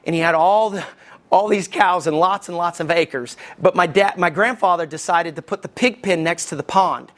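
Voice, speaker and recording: A man, preaching a sermon as lead pastor from Alabama with folksy, animated storytelling. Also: sits high, moderate pace.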